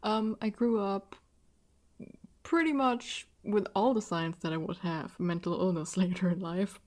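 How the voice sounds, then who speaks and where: With a medium-pitched, darkish voice, fairly even intonation, and a slightly slow pace, a German-accented woman in her early 20s talks through a casual solo podcast. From southwest Germany and speaking English as a non-native, she's chatty, self-deprecating, and laughs often between sentences.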